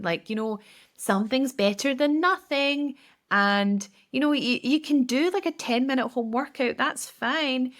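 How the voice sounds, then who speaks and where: A woman's voice: medium pitch, fairly bright tone. A woman, giving casual, direct podcast advice as a business coach, with lots of "like". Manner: chatty, direct, filler-heavy with frequent "like".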